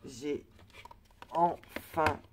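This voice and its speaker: A woman's voice: sits low, very slow, background noise. A woman vlogger chatting casually through a crafting haul, hesitant and full of fillers and restarts. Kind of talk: casual product haul chat.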